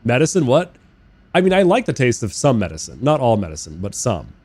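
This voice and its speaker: A young man live-streaming a flight sim, chatting casually and rambling, swearing freely, talking to his chat and bursting into loud incredulous rants. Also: medium pitch, sing-song, a little fast, slightly rough. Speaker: game streamer. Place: living in Australia.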